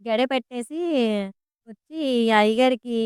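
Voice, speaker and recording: A woman's voice: a little high, unhurried, clear, resonant tone, dry recording. A woman giving a chatty, amused voice-over for her home vlog, recorded close to the mic. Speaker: vlogger.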